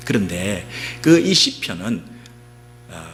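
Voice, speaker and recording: A middle-aged male pastor giving an animated sermon, often asking the congregation questions. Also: fairly low pitch, slow, soft background music.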